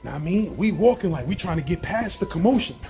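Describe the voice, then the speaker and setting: New York man, raised-pitch voice, loose and profane storyteller, music bed underneath. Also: quick pace. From Brownsville, Brooklyn, New York. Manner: profane, animated, keeps asking "you feel me". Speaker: guest telling prison stories. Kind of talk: casual storytelling.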